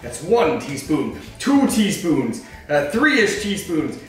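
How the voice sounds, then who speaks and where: A man's voice: a little high, big pitch swings, slow pace. A man in a superhero costume hosting a joking cooking demonstration, chatting as he explains each step. He is recorded in a home kitchen by a far camera. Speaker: cosplay cooking host. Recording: echoey kitchen from far off, faint music.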